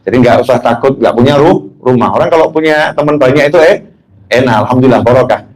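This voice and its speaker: An Indonesian male preacher gives a religious talk in a mid-pitched voice. He tells anecdotes, makes jokes and throws questions out to his audience. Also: quick pace, rough recording. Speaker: habib preacher.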